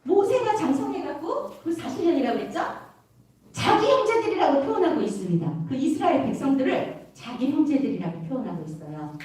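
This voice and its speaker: A woman youth pastor telling a story as a lively sermon to young people, acting out the figures and asking the listeners questions. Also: sits high, a little fast. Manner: animated, acts out the story in voices, asks the listeners questions. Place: church worship hall. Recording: very echoey hall, mic at a distance.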